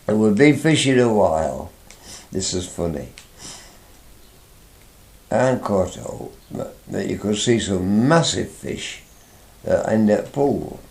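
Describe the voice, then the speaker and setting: In a roomy-sounding recording, a fairly low, slightly mellow male voice with vocal fry tells a fishing story from his youth. He's an older man from England, an interviewee and father, and his anecdote rambles chattily with frequent restarts.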